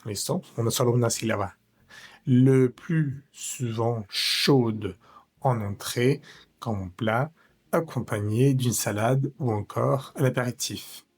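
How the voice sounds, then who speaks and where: A man teaching French pronunciation in Spanish, slowly spelling out words syllable by syllable. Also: medium pitch, darkish tone, husky. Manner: slow, careful, breaks words into syllables. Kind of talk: pronunciation lesson.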